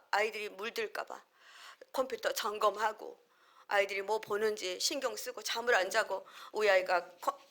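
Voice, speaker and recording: A middle-aged woman pastor preaching at an average pitch in an earnest, conversational way. She draws on everyday family stories. When she acts out a quoted line, her voice jumps up in pitch and loudness. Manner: acts out short quoted lines with sudden rises in pitch and volume. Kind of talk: sermon.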